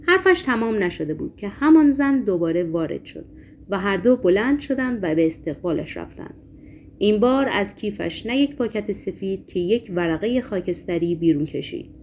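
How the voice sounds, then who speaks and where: A woman's voice: medium pitch, a little mellow, a little hiss or hum. A woman narrating a novel as an audiobook reader, lifting her voice for quoted lines.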